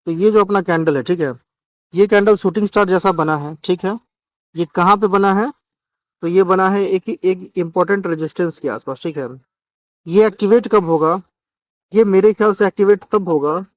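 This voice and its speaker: Hindi-speaking man explaining charts, high voice. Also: dry recording. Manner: repeats "ठीक है" to check understanding. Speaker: market analyst.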